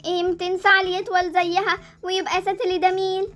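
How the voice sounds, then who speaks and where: A woman's voice: very high voice, level tone, brisk, fairly bright tone. A woman voicing a cheeky young girl with an Egyptian Arabic accent, chatty and bossy. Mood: curious.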